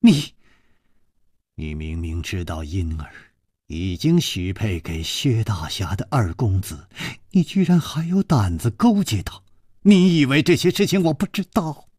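A man's voice: fairly low pitch, big pitch swings, unhurried, darkish tone, husky, no echo, studio quality, voice pushed down, heavily acted. A man voicing a fierce middle-aged martial-arts woman who threatens in a cold, hard voice. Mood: furious.

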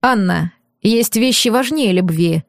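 A woman's voice: medium pitch, moderate pace, a little mellow, no room sound, studio quality, close to an everyday voice. A woman reading an audiobook and voicing a stern, torn young aristocratic man with firm, clipped, bitter delivery. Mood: harsh. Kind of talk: audiobook character voice.

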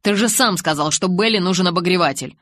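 A reader voicing a brash, cheerful young male werewolf who speaks loudly, mocking and snapping back. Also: medium pitch, fast, no echo, studio quality, natural voice.

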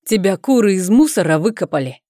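A woman's voice: medium pitch, animated, brisk, warm tone, dry recording, clean studio sound, lightly acted. A woman voicing a proud young nobleman who speaks with scorn and indignation. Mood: scornful.

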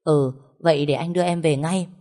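A woman voicing a composed young husband, a lawyer who speaks calmly and measuredly. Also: deep voice, close to an everyday voice. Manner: calm and measured.

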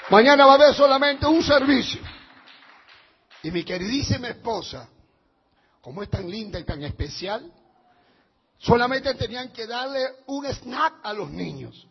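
A man preaching a sermon as pastor, fervent and often shouting, heard on a dull lo-fi recording. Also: very high-pitched, lively intonation, normal speed, long pauses, slightly rough.

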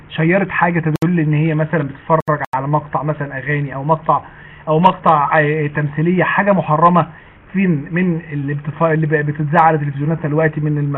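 An Egyptian man gives a lesson to women in a quick, chatty way. His voice is a little high and husky. It sounds tinny, like it came over a phone line. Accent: Egyptian Arabic. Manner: chatty and conversational, slowing to recite quoted sayings. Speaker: preacher teaching women. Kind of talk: colloquial religious lesson.

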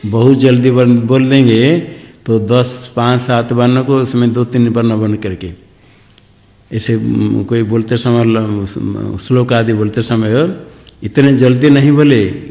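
A swami teaching scripture, chanting verses and then explaining them plainly, repeating points about clear pronunciation. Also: male voice, medium pitch, steady tone, unhurried, mellow, big-room sound.

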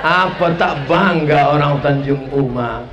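A man preaches at a large open-air gathering, his voice sitting a little high for a man. He keeps his sermon jokey and pulls the crowd into call-and-response. The sound is echoey through the loudspeakers, with a noisy crowd and steady background hum. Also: slow, muffled recording. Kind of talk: humorous public sermon.

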